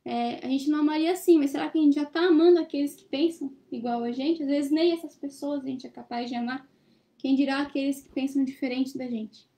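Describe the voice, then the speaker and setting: Young woman, study-group presenter; high and warm, reflective and questioning, laptop webcam in a small room. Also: steady tone, a little fast. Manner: thoughtful, questioning the listeners. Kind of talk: reflective teaching talk. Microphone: laptop webcam on a video call.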